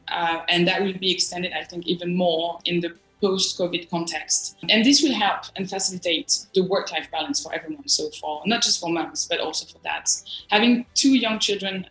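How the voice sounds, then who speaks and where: Low-pitched and fairly bright, this French-accented woman from northern France reflects earnestly on questions as an interview guest who leads a design agency. The audio is reverberant and of low quality.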